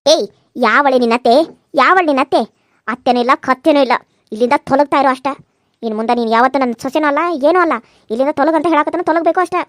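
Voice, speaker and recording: A woman's voice: quick pace, a bit bright, no room sound, clean studio sound. A woman with a North Karnataka Kannada accent voicing a furious middle-aged mother-in-law who berates and repeats herself in a cartoon serial. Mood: raging. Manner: shrill, berating, repetitive scolding.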